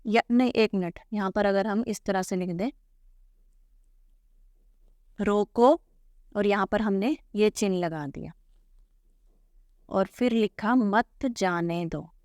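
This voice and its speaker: At a medium pitch and normal speed, a woman with a darkish tone walks patiently through textbook answers in a school Hindi lesson, often saying "theek hai" (ठीक है) to check in. The recording is dry, with studio quality.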